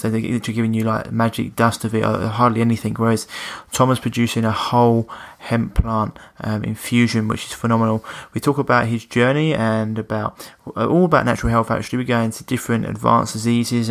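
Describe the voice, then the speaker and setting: A man from Essex with a strong creak in his voice hosts a casual podcast. He has an Essex accent and a mid-pitched delivery that is fairly even. He talks in an informal, matey way and often stumbles and restarts. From Essex, England. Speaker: podcast host. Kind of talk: casual podcast intro and interview chat.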